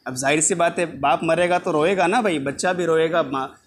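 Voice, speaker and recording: Male preacher, fairly high voice, emphatic sermon delivery with repetition, faint room ambience behind. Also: moderate pace, a little hiss or hum. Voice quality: clears throat now and then. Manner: emphatic, repeats key lines for the congregation. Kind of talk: Friday sermon. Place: mosque.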